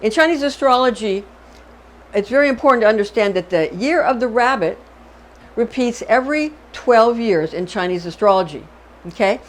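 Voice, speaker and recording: A woman's voice: a little high, lively intonation, normal speed. A woman hosting an astrology channel, giving a chatty, digressive lecture and often checking in with the listener.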